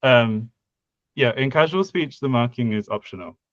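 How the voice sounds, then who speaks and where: With a medium-pitched voice at a moderate pace, this young podcast co-host talks casually about conlang design, hesitant and prone to fillers and restarts. The sound is lo-fi, with no room sound.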